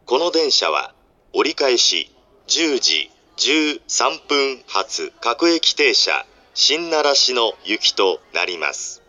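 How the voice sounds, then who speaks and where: A man giving a formal, scripted train station announcement in a measured manner. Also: medium pitch, sing-song, bright, forceful tone, dull audio.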